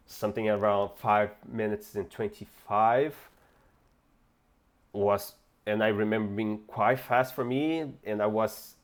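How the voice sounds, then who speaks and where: A young Brazilian man with a Brazilian Portuguese accent, telling a personal story in a casual, reflective way with hesitations and restarts. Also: lowish voice. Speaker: fitness vlogger.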